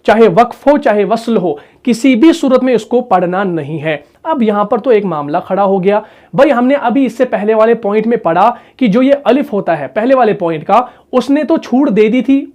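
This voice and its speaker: A man teaching a Quran recitation lesson, asking the class rhetorical questions, repeating key points and reciting example words slowly and drawn out. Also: very high voice, darkish tone. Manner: asks the class rhetorical questions and answers them.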